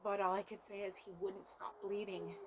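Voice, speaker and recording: A shaken homesteader vlogger earnestly tells her viewers about a scary mishap, returning again and again to God and prayer in this emotional story. She talks at normal speed with a flat, mid-range voice, on a low-quality recording with a little background noise.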